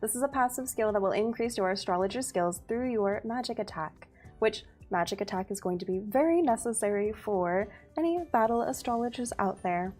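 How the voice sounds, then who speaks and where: Soft background music plays as a woman, the community manager, presents game update details on a livestream in a medium-pitched, slightly mellow voice that moves a little fast. She's upbeat and giggly but reads skill details steadily.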